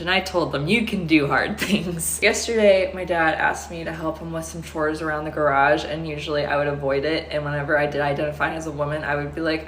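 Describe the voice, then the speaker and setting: A young woman telling a personal story in a chatty, animated way. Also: sits low. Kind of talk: casual storytelling vlog. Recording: echoey room with faint ambient noise.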